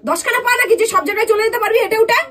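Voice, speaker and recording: A woman playing a wife in a scripted domestic squabble, loud, defiant and argumentative. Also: very high-pitched, rapid-fire. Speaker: wife in a comic couple skit.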